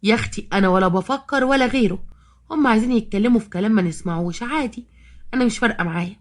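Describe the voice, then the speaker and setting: Woman narrator as a mild, unbothered Egyptian wife, quick. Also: fairly high pitch, close to an everyday voice. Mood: indifferent. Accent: Egyptian Arabic. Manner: indifferent, casual.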